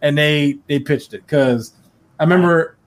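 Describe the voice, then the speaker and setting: Guy with a fairly high voice riffing on a podcast, laughs a lot. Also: a little slow. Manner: animated, laughs often, slips into playful voices. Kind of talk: casual chat.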